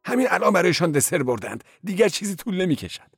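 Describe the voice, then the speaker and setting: A man's voice: high-pitched, sing-song, creaky, a bit bright, breathy edge, dry recording, clean studio sound, soft background music, pitched above the performer's own voice, heavily acted. A man voicing a meddlesome male church porter who giggles, gushes and lectures in a sly way. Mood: preachy, effusive.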